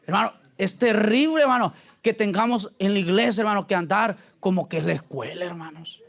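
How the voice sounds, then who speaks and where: A man with a notably high voice preaches a relaxed Bible study. He teases his congregation with jokes and keeps turning to them for agreement as he teaches. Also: brisk, vocal fry. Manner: joking, keeps asking the congregation "¿verdad?" and "¿aló?". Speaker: pastor. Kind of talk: conversational Bible study sermon.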